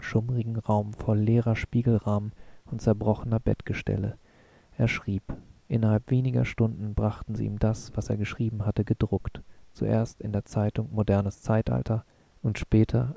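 A man narrating an audiobook in an even, measured reading. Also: on the low side, vocal fry, no echo. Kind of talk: scripted narration.

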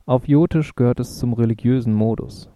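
A man's voice: medium pitch, brisk, dark tone, slight background noise, natural voice. A man reading the part of a worried male ecologist who speaks in a serious, matter-of-fact way.

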